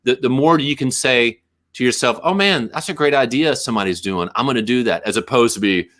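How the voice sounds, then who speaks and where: A middle-aged man, a musician guest in a casual interview, talking in a rambling, animated, jokey way. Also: mid-range voice, brisk.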